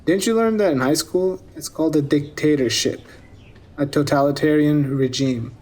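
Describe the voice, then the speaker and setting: A man's voice: fairly high pitch, normal speed, a little mellow. A man conducting an interview, questioning pointedly with pressing, lecturing and sarcastic remarks.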